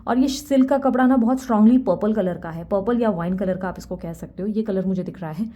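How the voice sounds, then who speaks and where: A young adult woman giving a tarot reading, talking fast and earnestly and mixing English words into her Hindi. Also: medium pitch, mellow. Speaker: tarot reader.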